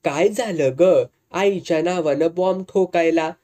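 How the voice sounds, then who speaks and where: A narrator voicing a stern older village woman who shouts scolding words in rural dialect. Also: fairly low pitch, a little slow, lightly acted.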